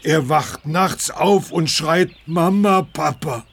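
An actor playing a kind, worried young zoo helper who talks earnestly and gently in a children's audio drama. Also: male voice, on the high side, slow, slightly rough, heavily acted. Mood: pleading.

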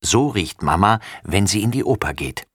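A man's voice: on the low side, expressive, moderate pace, fairly bright tone, slightly rough, no echo, clean studio sound. A man voicing a young girl, a bossy and impatient big sister, in a storybook reading. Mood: proud. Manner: impatient, scolding.

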